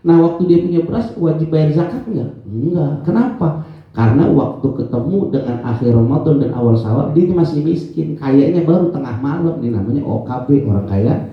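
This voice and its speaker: Gravelly man teaching in an echoey prayer room. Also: a little high, animated, moderate pace. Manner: chatty, storytelling, quizzes listeners. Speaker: religious teacher. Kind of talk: informal religious lesson. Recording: echoey, dull lo-fi room sound.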